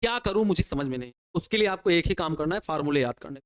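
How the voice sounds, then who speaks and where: A man with a fairly high voice teaches an online exam-prep chemistry lecture. He talks through each reaction step by step. He often poses a question and answers it on the students' behalf. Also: expressive, fast talker. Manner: explains step by step at a working pace.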